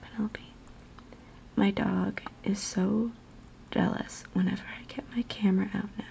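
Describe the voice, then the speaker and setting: A young woman giving a soft-spoken, whispered ASMR chat in a gentle, unhurried, soothing murmur. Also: medium pitch, level tone, gravelly, a little hiss or hum. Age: young adult. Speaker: ASMR video maker.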